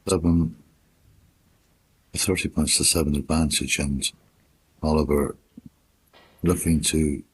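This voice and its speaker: Very deep-voiced man, hushed golf-style sports commentary. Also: steady tone, husky, poor audio. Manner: measured, sparse phrases with long pauses. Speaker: snooker commentator.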